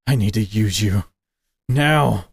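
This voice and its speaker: A tense young dragon magician who snaps back in short, gruff lines, as a male narrator voices him. The voice stays close to the narrator's own but tighter and harder. Each line is clipped and defiant. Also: fairly low pitch, slow pace, no room sound, heavily acted.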